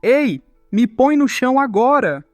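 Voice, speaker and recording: A man's voice: high-pitched, lively intonation, normal speed, dry recording, faint music behind. A man voicing a cocky, hot-tempered young man who swears and complains.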